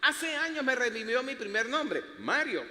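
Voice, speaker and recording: A man's voice: extremely high pitch, big pitch swings, normal speed, pushed and bright. A man preaching a sermon as pastor, teaching in a playful way and laughing at himself. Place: church hall. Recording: echoey church hall.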